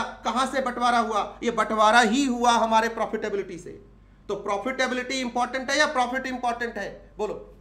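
A man's voice: extremely high pitch, bright, forceful tone, reverberant. A male teacher with an Indian English accent, giving a classroom lecture, asking the students questions and repeating the key points.

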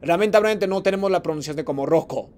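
A man with a high-pitched, darkish voice talks fast while teaching an online Japanese class in Spanish. He patiently calls on students by name and weaves Japanese phrases into what he explains.

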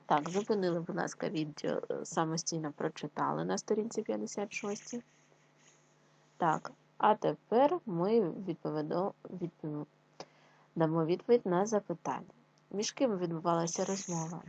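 A woman teacher leading a children's reading lesson on video, stretching syllables slowly, counting aloud and often praising her pupils. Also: lowish voice, vocal fry, a little mellow, husky, low-quality recording. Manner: slow, drawn-out syllables and counting for kids. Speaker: primary school teacher.

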